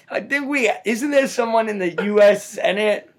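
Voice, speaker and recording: A man's voice: sits high, a little slow, noisy background. A man co-hosting a podcast in casual chat, dry and sarcastic. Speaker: podcast co-host.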